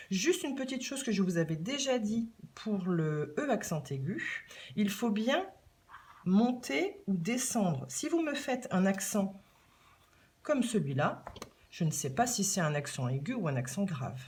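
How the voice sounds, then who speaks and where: Patient French teacher woman, lively pitch. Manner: slow, patient, repeats key points. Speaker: primary school teacher. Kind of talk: remote handwriting lesson for children.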